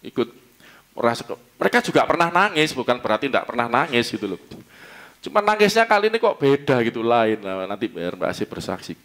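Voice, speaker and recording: A middle-aged pastor from East Java, with a Javanese accent, preaches a casual, joking sermon during a church service. His mid-range voice is very animated, quick and a bit bright, and he often laughs and puts questions to the congregation.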